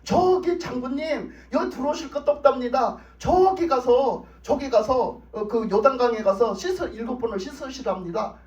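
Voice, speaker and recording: A deferential male servant, as a preacher puts him on speaks politely in a high voice. The sound is echoey, distant and dull. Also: moderate pace, hardly any pauses, darkish tone. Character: humble male servant delivering a message.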